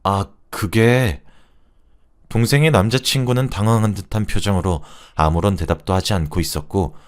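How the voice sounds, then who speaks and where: A man telling a first-person story in a measured, low narrating tone.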